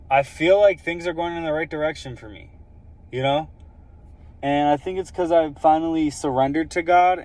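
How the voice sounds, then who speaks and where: Young man, earnest, rambling storyteller, lots of filler words, mid-pitched voice, phone recording. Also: a little mellow. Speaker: vlogger sharing a personal story. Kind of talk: casual personal storytelling.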